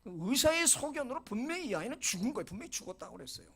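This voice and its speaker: A middle-aged male pastor preaching a sermon, telling the story dramatically and dropping to whispers before loud exclamations, with short English phrases mixed in. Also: extremely high pitch, sing-song, rapid-fire, husky.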